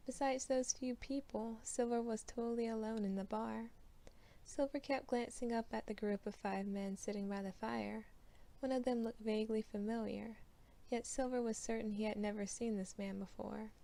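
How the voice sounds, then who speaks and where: A woman's voice: on the high side, steady tone, normal speed, creaky, warm tone. A young woman reading fanfiction aloud in a casual, chatty manner. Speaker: fanfiction reader.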